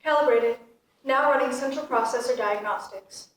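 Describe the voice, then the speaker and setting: A woman plays a female android booting up, reading out her diagnostics in flat, clipped status reports. The voice sits fairly high for a woman and rings in a very echoey room, picked up from a distance over a faint hiss. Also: moderate pace, lightly acted. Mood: flat mechanical. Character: female android rebooting and running system diagnostics.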